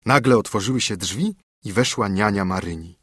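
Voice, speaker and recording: Husky male audiobook narrator. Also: on the low side, normal speed, a bit bright, dry recording, clean studio sound.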